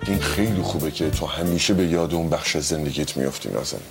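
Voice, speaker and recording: A man's voice: rumbling low, over music. An actor playing a husband who awkwardly backpedals while trying to reassure his wife in a sitcom. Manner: fumbling, backpedaling. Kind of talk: sitcom acting.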